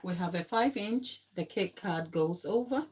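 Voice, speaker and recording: Talking viewers through each step of a casual live-stream cake decorating tutorial, a middle-aged woman with a Ghanaian accent chats informally from her home kitchen. English isn't her first language, and her slightly low voice is a little slow, mellow, and slightly rough.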